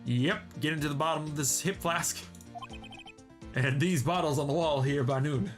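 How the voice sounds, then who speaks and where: Man doing a folksy cowboy-talking guard with a drawl, over loud game music. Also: on the high side, normal speed, lightly acted. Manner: drawling Western twang, folksy phrases.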